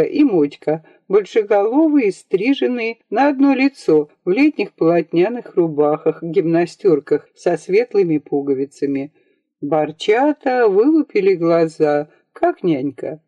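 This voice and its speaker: A woman reads a novel aloud with expressive, lively storytelling. Her voice is mellow and moves up and down a lot. The audiobook recording is dry and dull. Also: fairly low pitch, dry recording. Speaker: audiobook narrator. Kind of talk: scripted narration of a novel.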